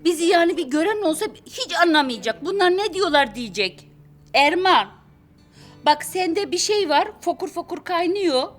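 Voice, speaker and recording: A woman's voice: very high voice, animated, normal speed, faint music behind. An actress playing Abiye, a talkative, theatrical middle-aged wife who mangles her words, in a sitcom. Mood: lecturing. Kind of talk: sitcom acting. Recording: audience laughter behind. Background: studio audience laughing.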